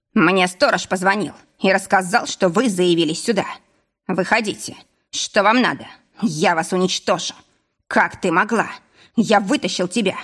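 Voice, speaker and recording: A woman reading a menacing male boss who threatens in a husky voice, mock-sweet at times. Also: medium pitch, a bit bright. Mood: furious. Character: menacing middle-aged male boss, villain.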